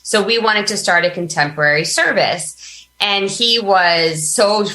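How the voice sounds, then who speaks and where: In an echoey room, a woman with a mid-range voice speaks at a measured pace with a bright, forceful tone. She is an American business coach guesting on a podcast, sharing personal anecdotes informally and emphatically in conversation.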